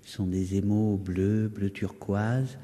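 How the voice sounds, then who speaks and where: A man, an artist explaining their work in an interview, halting and searching for words, in an echoey hall. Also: lowish voice, little pitch movement, dark tone. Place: indoor hall of a townhouse. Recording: echoey, resonant building interior.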